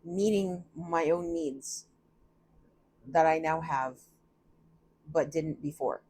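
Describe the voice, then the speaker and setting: A woman's voice: deep voice, slow, a little mellow, slightly rough. A woman giving a casual, chatty tarot reading from a room at home, thinking aloud and often laughing at herself. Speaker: tarot reader.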